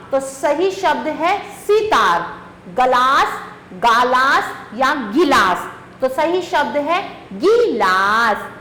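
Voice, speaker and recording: Woman teacher, children's reading lesson, high voice, slow drawn-out words, roomy echo. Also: bright, forceful tone. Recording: echoey room.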